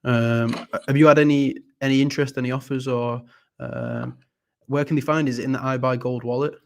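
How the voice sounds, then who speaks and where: In an animated, fairly quick mid-range voice, a man leads a casual live audio panel chat. Friendly yet hesitant, he often repeats himself, says sorry and calls everyone "mate."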